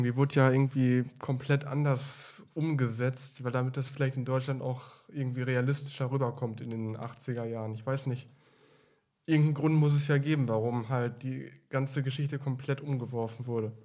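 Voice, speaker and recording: A man's voice: mid-range voice, flat delivery, moderate pace, a little mellow. A man co-hosting a casual podcast with dry, wry phrasing, recorded in an echoey space outside a studio. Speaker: podcast co-host. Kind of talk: casual discussion.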